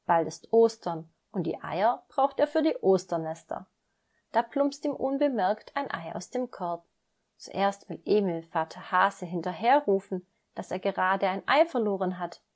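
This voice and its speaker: A woman narrating a children's story aloud in a gentle, expressive way. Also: mid-range voice, a little slow.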